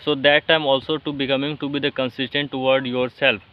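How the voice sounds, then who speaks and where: A Hindi-speaking man from Jharkhand, India, an English-learning vlogger, gives a casual motivational talk to camera in Indian-accented English. His medium-pitched voice stays flat and level, and he halts often with fillers and restarts. The recording sounds dull and lo-fi, its highs rolled off.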